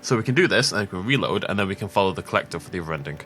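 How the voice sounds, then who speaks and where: A let's play commentator with a low voice talks very fast over soft background music. He's sick, sniffly, with an itchy throat, yet stays chatty, rambling, and animated as he plays a game and comments casually.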